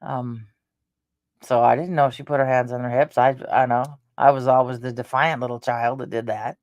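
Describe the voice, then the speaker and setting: A woman in her fifties hosts her own channel in a rambling, casual chat, drifting between thoughts with frequent hesitations and restarts. Her voice is very deep and a little mellow, with fairly even intonation and a moderate pace. The recording is dry and muffled.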